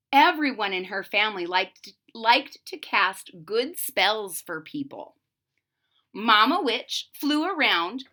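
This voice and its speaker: The storybook reader here is a woman whose voice is a little high, pushed and bright. She brings a children's picture book to life expressively and adds explanatory asides to the young ones listening.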